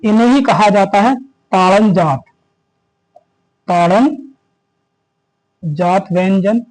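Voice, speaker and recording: High-voiced man teaching grammar. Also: a little mellow, poor audio. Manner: repeats key terms as questions to students; slows down to stress terms. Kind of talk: exam-prep grammar lesson.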